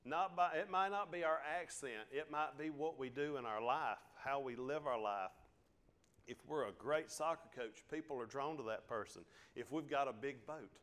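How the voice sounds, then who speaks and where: A man preaching a sermon in a Southern American country drawl, in a folksy, down-home way. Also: mid-range voice. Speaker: pastor.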